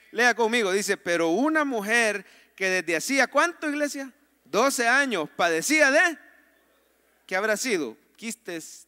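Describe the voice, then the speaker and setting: A man preaching a sermon as pastor, calling on the congregation to answer and read along, moving between loud emphasis and quiet, intimate passages. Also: extremely high pitch, clean tone. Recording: long hall reverb.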